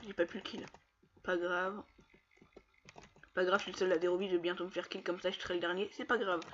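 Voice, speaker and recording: A man commenting casually on his own online matches, taunting opponents and breaking into excited yells. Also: high-pitched, muffled recording, a little hiss or hum. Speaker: gamer streaming gameplay.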